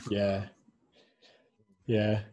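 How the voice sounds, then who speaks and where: A man's voice: lowish voice, completely flat delivery, extremely slow, mellow. A man co-hosting a webinar over a video call, presenting slides in an upbeat way, repeating short slogans with plenty of "um"s.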